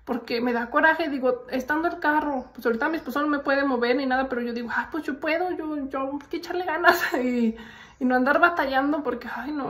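A woman's voice: sits high, fairly bright tone. A young Mexican woman with a Mexican accent, chatting casually to her followers and telling stories with frequent laughs. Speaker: vlogger. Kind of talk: casual chat.

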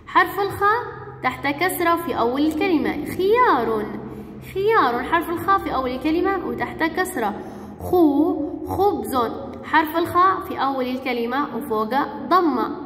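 A woman teaching young children the alphabet, speaking slowly and patiently and repeating each word. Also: high voice, a bit bright. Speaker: kindergarten teacher. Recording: echoey room with long reverb.

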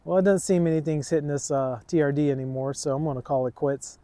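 On the high side but dark in tone, the middle-aged man's voice is steady and fast, with no echo. He's a fishing channel host talking casually to his viewers, whom he calls "guys," from a waterfront dock. A camera on a tripod records him, at times held selfie-style.

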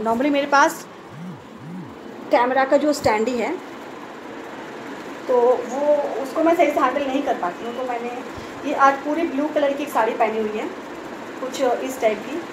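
A woman with a Bengali accent vlogging casually at home, talking fast and chatty with many fillers. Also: sits high, noisy background. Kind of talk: casual vlog to camera. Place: at home, hot room with fan running.

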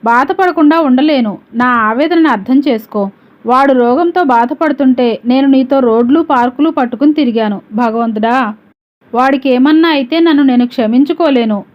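A woman with a high-pitched, natural voice reads as a grief-stricken father in a spoken story, speaking at normal speed with a trembling, pleading, anguished delivery. The lo-fi recording sounds dull.

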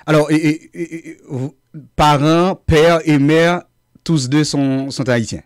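A male host interviews his guest over a video call, stumbling and repeating words as he frames each question. His voice is smooth and clear. The recording is dry and close. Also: fairly high pitch, fairly even intonation, dry recording. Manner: halting, repeats words, laughs often.

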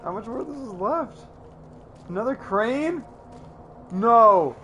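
A young man giving casual, slangy gameplay commentary, excitable and full of playful mock bravado. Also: extremely high pitch, slow pace, dull audio, a little hiss or hum. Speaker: let's play gamer. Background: video game music and sounds.

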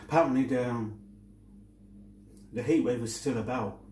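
A man chatting casually to camera as he eats crunchy chips, pausing and clearing his throat between remarks. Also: medium pitch, a little mellow. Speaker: mukbang vlogger. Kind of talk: casual eating-show chat. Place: small domestic kitchen-dining room, indoors. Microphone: camera across the table. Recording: roomy, distant mic, faint noise.

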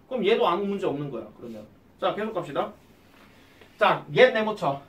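Guy teaching exam english, lively voice bouncing up and down, roomy classroom sound. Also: high voice, far from the mic. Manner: quizzes students with quick questions. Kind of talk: exam-prep lecture.

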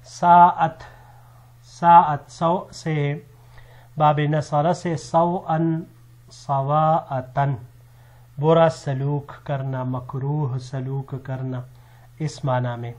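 A man teaching an Arabic vocabulary lesson in a measured way, listing word forms and their meanings one after another. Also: a little high, flat delivery, darkish tone. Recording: slightly dull lo-fi recording.

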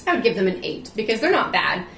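A woman's voice: medium pitch, very animated, fast, vocal fry, fairly bright tone, slight background noise. A woman chatting casually and frankly while tasting snacks on camera. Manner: frank, chatty food taster. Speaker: vlog host. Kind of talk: casual chat. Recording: echoey room with faint ambience.

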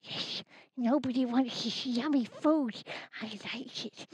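A woman doing a slow, breathy, greedy creature. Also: high voice, no room sound, full character voice. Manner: slow, sly, breathy muttering. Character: greedy sneaky creature hoarding food in its den. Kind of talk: children's puppet story.

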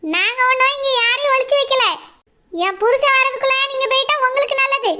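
A woman's voice: extremely high pitch, a little fast, sharp tone, a little hiss or hum. A middle-aged woman with a Kanyakumari Tamil accent, playing a village mother who sternly warns and argues back. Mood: indignant. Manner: stern, warning, indignant. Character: proud village mother defending her daughter. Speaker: mother of the runaway girl.

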